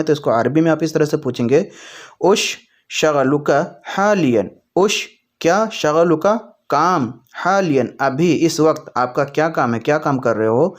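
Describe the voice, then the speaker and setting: A man teaching spoken Arabic phrases, saying each one slowly and repeating it before explaining what it means. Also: on the high side. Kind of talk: spoken language lesson.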